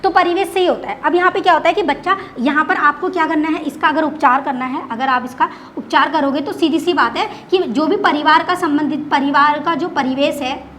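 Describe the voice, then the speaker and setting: A woman with a high voice teaches an online exam-prep class. She repeats key words and asks questions that she answers herself. A faint hiss sits under her voice. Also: a little fast, fairly bright tone.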